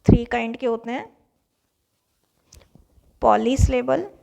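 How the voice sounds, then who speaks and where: A young Indian woman teacher giving an exam revision lecture, explaining slowly and repeating key terms. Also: fairly high pitch, creaky, a little mellow.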